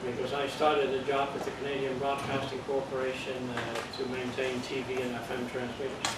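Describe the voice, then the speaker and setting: Speaking a little fast in a medium-pitched, completely flat voice, an older man from the Netherlands with a Dutch accent lectures in a classroom as an amateur radio course instructor. He explains things plainly and patiently, with jokes and check-ins. The noisy, echoey room is captured from a distance.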